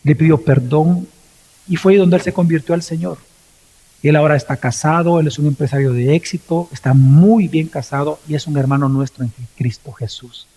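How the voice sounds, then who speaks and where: A Salvadoran pastor preaches in a fairly high, mellow voice, leaping up and dropping low as he acts out the people in his story. His words ring out with the long reverb of a church hall. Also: normal speed, slightly rough. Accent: Salvadoran Spanish. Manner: storytelling with acted quotes and swings in pitch. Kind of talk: sermon.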